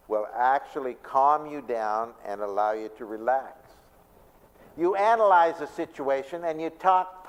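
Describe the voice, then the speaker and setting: Pastor in a reverberant church hall. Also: male voice, medium pitch. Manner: conversational, asks the audience questions. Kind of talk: church seminar talk on stress. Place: church sanctuary.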